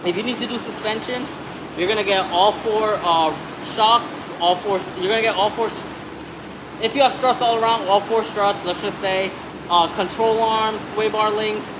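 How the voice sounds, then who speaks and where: A man's voice: high voice, noisy background. A man in his thirties, an auto mechanic talking casually and ramblingly through a brake job in a shop, swearing now and then. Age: 30s. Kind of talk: casual how-to narration while working. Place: auto shop with a truck on a hoist.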